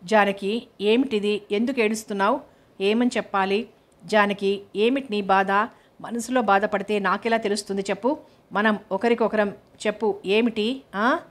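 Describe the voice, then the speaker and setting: Woman narrator doing a soft-spoken young husband in a storybook, coaxing, calm and even, not much rise and fall. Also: mid-range voice, moderate pace, close to an everyday voice.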